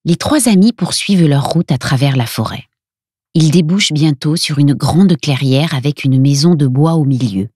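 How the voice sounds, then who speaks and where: A woman narrating a children's Christmas story in a gentle, soft storytelling manner, recorded on a close mic. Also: sits low, moderate pace, slightly rough, no room sound.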